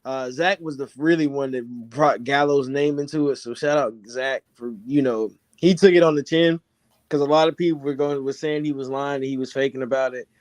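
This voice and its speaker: A man co-hosting a sports podcast, hoarse from screaming, telling stories in an animated, excitable way. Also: medium pitch, no room sound. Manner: animated storytelling, fast and excitable. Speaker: podcast co-host.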